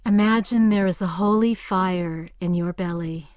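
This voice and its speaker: A woman guiding a meditation in a soft, calm voice that sometimes drifts into a whisper. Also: on the low side, measured pace, no echo, studio quality. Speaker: meditation guide. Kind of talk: guided meditation.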